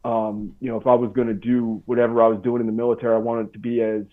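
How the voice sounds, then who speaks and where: A man's voice: medium pitch, little pitch movement, fast. Chill guy in his 40s telling his story, calls everyone dude and bro, sounds like a phone line. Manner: laid-back, slangy, full of "dude" and "bro". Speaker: podcast guest. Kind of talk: casual storytelling interview.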